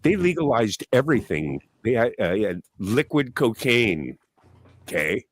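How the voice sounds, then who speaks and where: A man's voice: medium pitch, sing-song, measured pace. A man who does open-mic comedy, telling loose stories with swearing and calling people "man". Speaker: panel guest, comedian. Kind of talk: casual chat.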